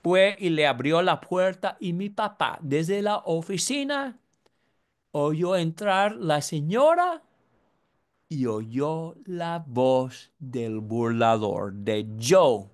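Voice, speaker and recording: A man's voice: on the high side, big pitch swings, takes it slowly. A man in his seventies, from the United States, preaching a sermon and telling a story in an earnest way. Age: 70s.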